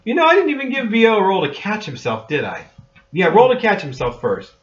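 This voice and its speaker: A man's voice: high voice, huge pitch swings, a little fast, echoey room. A man running a tabletop game as game master, explaining rules and teasing the players. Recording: dull lo-fi recording.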